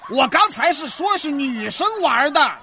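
A man's voice: extremely high pitch, animated, moderate pace, vocal fry, sharp tone, slight background noise. A man, around his thirties, speaking Sichuan dialect as a comedy co-host, bantering playfully with mock indignation.

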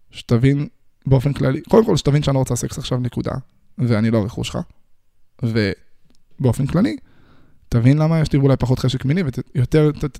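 Gravelly young man ranting casually. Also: mid-range voice, warm tone, dry recording, studio quality. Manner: rambling, full of restarts and rhetorical questions. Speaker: social commentator. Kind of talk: casual monologue on relationships.

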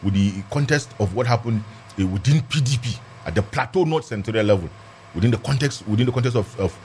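A man's voice: fairly low pitch, expressive, fast talker, a little mellow, a little hiss or hum. A man with a Nigerian accent giving an emphatic, argumentative legal commentary in a discussion, repeating phrases for stress. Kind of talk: animated political and legal discussion.

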